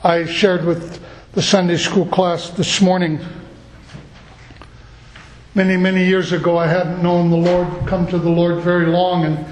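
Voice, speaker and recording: High-voiced preacher in an echoey church. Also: male voice, little pitch movement, unhurried, long pauses, slight background noise. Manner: earnest, storytelling. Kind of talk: sermon.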